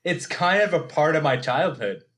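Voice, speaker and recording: A man's voice: on the high side, lively intonation, moderate pace, a bit bright. A man in his thirties co-hosting a podcast in casual chat, hesitant, with fillers and repeated words. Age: 30s. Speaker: podcast co-host.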